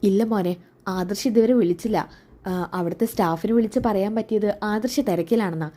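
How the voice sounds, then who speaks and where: Hesitant worried mother, voiced by a woman, halting speech, dark mellow tone. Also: mid-range voice, lightly acted. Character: worried middle-aged mother, hesitant bearer of bad news.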